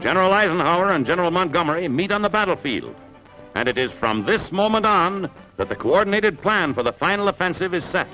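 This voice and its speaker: Old newsreel man, animated announcing voice. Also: sits high, fairly quick, low-quality recording. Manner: dramatic, emphatic announcing. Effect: old wartime newsreel sound. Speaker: newsreel narrator. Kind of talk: 1940s newsreel narration. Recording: narration over loud orchestral music.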